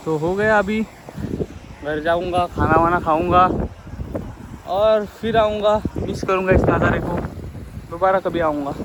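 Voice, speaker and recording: A man chatting and joking through a casual travel vlog by the sea, filmed on a handheld phone. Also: fairly high pitch. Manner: chatty, joking, switching between Hindi and Marathi. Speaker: vlogger. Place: outdoors by the sea. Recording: noisy outdoor phone recording.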